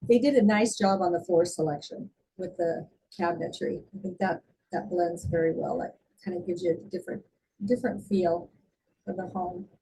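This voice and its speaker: A woman co-hosting a casual house tour, passing on questions in halting, hesitant phrases, recorded at a distance from the mic. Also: fairly low pitch, steady tone, dark tone. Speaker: co-host relaying viewer questions. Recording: distant mic with clear background noise.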